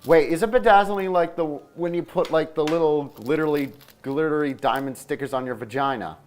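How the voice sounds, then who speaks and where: A man putting on a gushing, over-excited girly chatterbox voice as a joke during a livestream, squealing and camp. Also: a little high, fairly quick, pitched above the performer's own voice, lightly acted. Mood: giddy. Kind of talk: joking put-on voice during a livestream.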